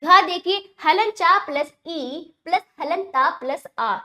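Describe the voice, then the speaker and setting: Woman teacher, high voice, patient, quizzes the kids then gives the answer. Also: bright, forceful tone. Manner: patient, asks pupils questions then answers them; slows down and stresses each word when spelling examples. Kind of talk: Hindi grammar lesson for children.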